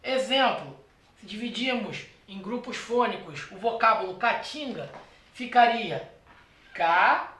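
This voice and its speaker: Bright Brazilian teacher in echoey room. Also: mid-range voice, expressive. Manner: checks in often with quick tag questions; talks straight to the viewer. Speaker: exam prep teacher. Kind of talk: classroom lecture. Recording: roomy echo.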